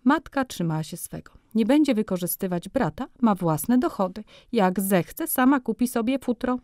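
Brief: woman narrator, mid-pitched, measured literary reading, dry close studio mic. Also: animated, a little mellow, no room sound. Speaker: reader of a novel excerpt. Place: radio studio.

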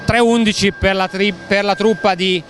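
A man's voice: sits high, fairly even intonation, normal speed. A man giving live play-by-play basketball commentary in a wordy, colourful style, as heard on a sports broadcast. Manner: wordy, colourful, rhetorical turns of phrase. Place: large indoor basketball arena, commentary position. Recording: noisy sports hall ambience. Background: clear arena noise.

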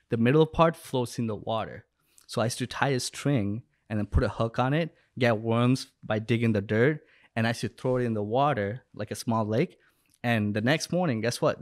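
A young man from Bangladesh, a coach who owns a business, chats anecdotally as a podcast interview guest, his voice on the low side. The recording is dry, made close on a headset-style podcast mic inside a room at home or a studio.

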